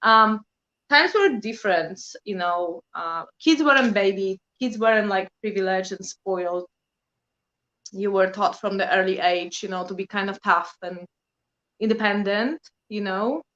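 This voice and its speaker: Speaking at a measured pace in a medium pitch, this woman in her thirties has a Polish accent and comes from Poland. The sound is lo-fi. As a guest in casual conversation, she tells stories with energy and plenty of fillers like "you know."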